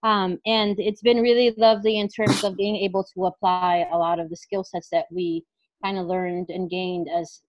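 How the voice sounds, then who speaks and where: Here the same kind of speaker, a clinical psychologist and life coach from New York, USA, appears as an interview guest whose casual, thoughtful talk is packed with fillers and restarts. Her voice is fairly low and level-toned at a normal speed, captured in a muffled recording.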